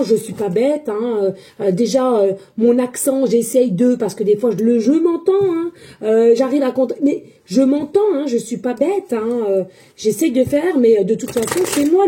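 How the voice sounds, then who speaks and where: A woman's voice: a little high, expressive, normal speed, mellow, slight background noise. A woman, a psychic medium, talking casually to her viewers in a defensive, repetitive way, full of fillers. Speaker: psychic medium giving tarot readings. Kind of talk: casual spoken monologue to viewers.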